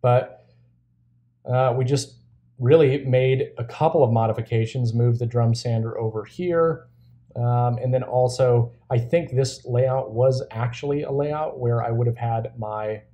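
A man's voice: mid-range voice, dark tone. A young man hosting a woodworking channel, casually talking through a design on screen and thinking aloud with fillers. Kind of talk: casual screen-share walkthrough.

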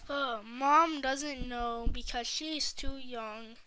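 A woman's voice: sits high, slow pace, sharp tone. A woman giving casual, rambling commentary over her gameplay, often dropping to a whisper. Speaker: gaming video host.

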